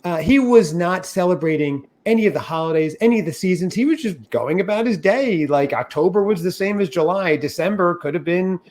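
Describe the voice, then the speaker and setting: A man's voice: high voice, animated, fairly quick, hardly any pauses, a little mellow. A man co-hosting a podcast, chatting casually and playfully with mock boasts. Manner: playful, jokey, slips into a mock announcer voice. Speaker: podcast co-host.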